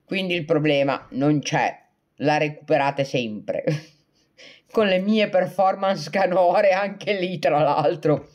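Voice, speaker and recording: A woman hosting a casual livestream, chatting with viewers in a joking way, reading out their comments and replying. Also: lowish voice. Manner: chatty and joking, breaking often into laughter; reads out and answers viewer comments. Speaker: livestream host.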